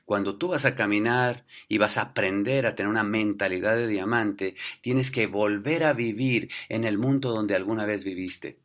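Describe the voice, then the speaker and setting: A man's voice: lowish voice, normal speed, few pauses, fairly bright tone. A man giving a motivational business talk, telling stories and tossing rhetorical questions at his listeners. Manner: storytelling, addresses listeners as "muchachos", tag questions.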